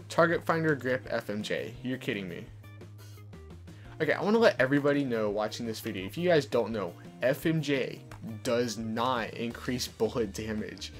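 Over soft background music, a young man with a deeper voice talks casually through his gameplay, sharing tips while he plays. He's recorded on a desk condenser mic.

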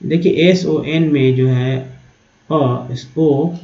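A man's voice: a little high, warm tone, roomy sound, lo-fi sound. A man teaching English spelling and pronunciation to viewers, spelling out letters one by one and repeating each word. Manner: spells out letters slowly, repeats words, addresses viewers as friends. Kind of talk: explaining spelling and pronunciation step by step.

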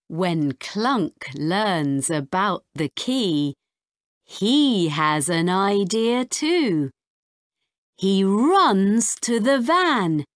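Slow, expressive woman reading to children. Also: medium pitch, dry recording, studio quality. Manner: slow, clear, expressive read-aloud. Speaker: English teacher. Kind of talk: reading a children's story aloud.

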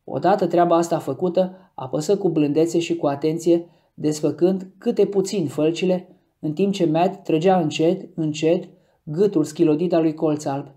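A man reading an audiobook chapter in steady storytelling narration. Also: fairly high pitch. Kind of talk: scripted narration.

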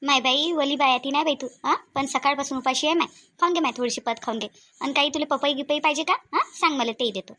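A woman's voice: high-pitched, fast talker, sharp tone. A woman voicing a kind, talkative older village woman with a Varhadi Marathi accent, coaxing and repeating herself in a cartoon. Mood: comforting. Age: middle-aged. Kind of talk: cartoon voice acting.

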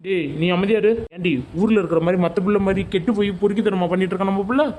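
A woman voicing an easygoing village father in an animated family comedy-drama, coaxing and arguing with his wife to defend their son. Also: mid-range voice, very fast, a little hiss or hum, close to an everyday voice.

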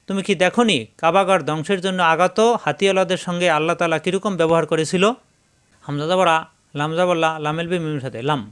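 A man teaching Quran recitation, spelling out syllables slowly and then chanting the verses drawn out. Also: high-pitched, a bit bright, clean tone.

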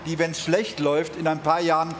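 A man's voice: a little high, level tone, a little fast, a little hiss or hum. A middle-aged man hosting, announcing the next act in grandiose style on an open-air stage, on a headset mic. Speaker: host.

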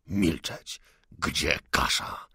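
A man's voice: rumbling low, drawn-out words, bright, forceful tone, husky, dry recording, clean studio sound, exaggerated voice. A man voicing a starving, hot-tempered male insurgent who barks short demands, in an audiobook. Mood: curt menacing. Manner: curt, barking demands.

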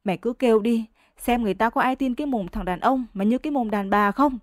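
A woman voicing a fed-up, sharp-tongued peasant wife who scolds and curses her husband in a storybook reading, in a dry, close sound. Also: fast talker, dry recording, lightly acted. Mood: furious scolding. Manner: shrill scolding, cursing loudly.

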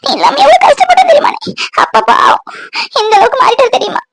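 A woman's voice: wildly swooping pitch, racing, heavily acted. A woman playing a tearful young sister pleading with her brother. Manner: pleading, reproachful, high-pitched. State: crying. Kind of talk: family skit acting.

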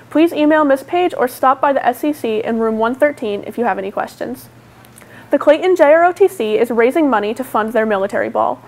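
A teenage young woman with an American accent reading scripted school announcements as a student news anchor. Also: a little high. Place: indoor school studio before a curtain. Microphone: lapel mic.

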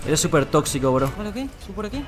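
A young man playing a match and commenting, hot-tempered, cursing and yelling in outbursts. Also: on the high side, expressive, fast, over music. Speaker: gamer. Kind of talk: gameplay commentary.

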